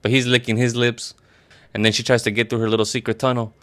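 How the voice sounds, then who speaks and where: A man casually retelling a story in a rambling, profane, deadpan way, as a comedy bit. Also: medium pitch, quick pace.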